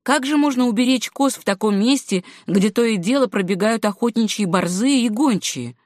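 A woman's voice: on the high side, normal speed, darkish tone, dry recording, clean studio sound, lightly acted. A woman reading an audiobook and voicing a good-natured young male farmer and hunter who talks on in a folksy, apologetic way.

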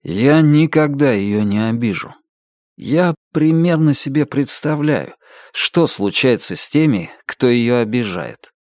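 A man playing a quiet, grave adult man who speaks sincerely and without fuss. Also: mid-range voice, animated, a little slow, no room sound, clean studio sound, lightly acted. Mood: earnest.

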